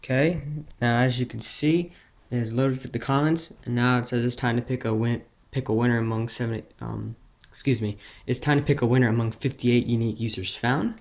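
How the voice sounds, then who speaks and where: A man's voice: medium pitch, fairly even intonation, fairly quick. A teenage male with an American accent hosting a casual vlog-style giveaway announcement, talking directly to viewers. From New Jersey, United States. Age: teens. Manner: casual, addressing viewers as guys. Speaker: fishing channel host.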